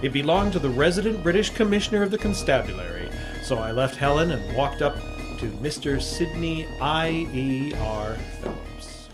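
In a vintage radio drama broadcast over music, the lead actor narrates tensely in a fairly high, very animated voice at a moderate pace. He plays a hard-boiled, sly freelance newspaperman from San Francisco, telling the story in a clipped, wry, world-weary way.

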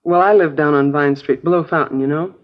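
In a dull old radio broadcast recording, an actress plays a chatty, naive, easygoing working-class American girlfriend of a crook in a 1950s radio crime drama. Her low voice moves a little fast and stays close to everyday speech, casual, rambling and a little vague.

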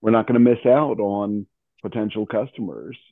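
A man with a fairly low voice talks at a normal speed in a dry recording. He chats casually and chuckles like a radio show host, and the sound comes through a narrow, phone-like radio line.

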